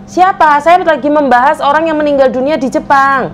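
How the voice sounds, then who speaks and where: A woman's voice: high voice, creaky, slight background noise. A woman hosting a live stream, talking to viewers and pressing commenters with repeated demands. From Indonesia. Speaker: livestream host.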